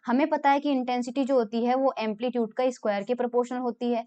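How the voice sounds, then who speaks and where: A woman's voice: a little high, steady tone, fast talker, dark tone, clear, resonant tone, lo-fi sound. A young woman giving a physics lecture, explaining step by step and answering her own questions as she goes. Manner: mixes English terms into Hindi. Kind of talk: recorded classroom lecture.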